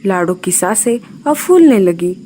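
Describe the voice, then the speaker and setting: A woman narrating a scripted cartoon story in an expressive storytelling manner. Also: medium pitch, unhurried, a little hiss or hum.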